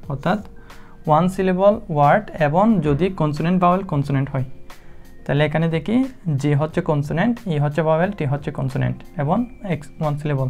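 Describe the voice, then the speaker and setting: A woman teaching English spelling rules, slow and methodical, spelling words out letter by letter with frequent hesitations. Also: low-pitched, gravelly, a little mellow. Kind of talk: spelling lesson explained in Bengali.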